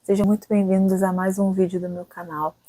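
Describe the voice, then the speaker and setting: A woman in her late twenties hosts her own channel, chatting casually and reflecting aloud, often ending sentences with little questions. Her voice is medium in pitch and dark in tone, with a level, brisk delivery and no room sound.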